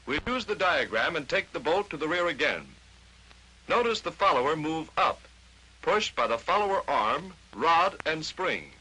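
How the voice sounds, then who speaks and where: An American man narrates a scripted 1940s instructional film, addressing the viewer with clear, step-by-step explanations as a training-film voice-over on an old soundtrack. His voice sits on the high side, pushed and bright, with big pitch swings at a moderate pace. The low-quality recording carries slight background noise.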